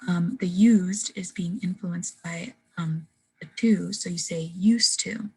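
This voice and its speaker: Husky-voiced young woman presenting. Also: fairly low pitch, fairly even intonation, slow pace, warm tone, rough recording. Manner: earnest, with frequent "um" fillers. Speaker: student presenter. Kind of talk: class presentation on phonetics.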